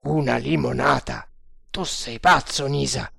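A man voicing a brooding army captain who speaks in low, measured, commanding tones. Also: gravelly, a bit bright, slightly rough, dry recording, studio quality, heavily acted.

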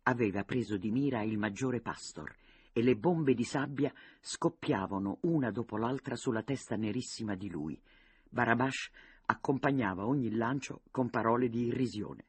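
A man narrating an audiobook in a steady storytelling manner. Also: mid-range voice, normal speed, husky, dry recording.

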